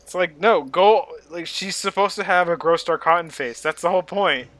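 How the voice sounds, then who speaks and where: Speaking at a normal speed in a high voice, a man co-hosts a podcast in a relaxed, chatty way. He retells scenes animatedly, cracking jokes and laughing.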